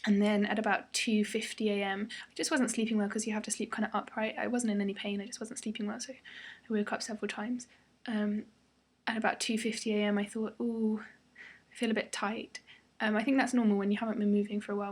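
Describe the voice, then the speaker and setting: Tired, breathy young British woman vlogging. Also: medium pitch, flat delivery, quick pace. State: tired, a day after surgery. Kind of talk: casual personal vlog.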